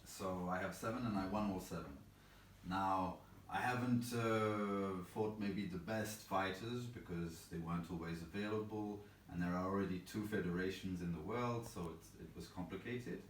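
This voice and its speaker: A man's voice: sits low, fairly even intonation, moderate pace. A man from England giving casual interview answers, thoughtful and rambling with many fillers and a self-deprecating touch. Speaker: interview guest, chess boxer. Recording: roomy, distant, faint background noise.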